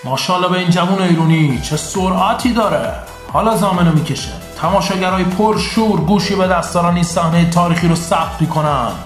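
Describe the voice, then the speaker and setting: A man doing a booming sports commentator. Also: close to an everyday voice. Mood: mock commentary. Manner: stretches words, rousing play-by-play. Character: excitable male sports commentator. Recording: echoey room with faint music.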